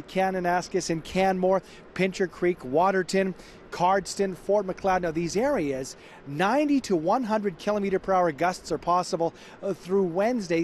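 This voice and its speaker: A man's voice: high-pitched, slight background noise. A man with a Canadian accent giving an ad-libbed weather forecast as a TV meteorologist.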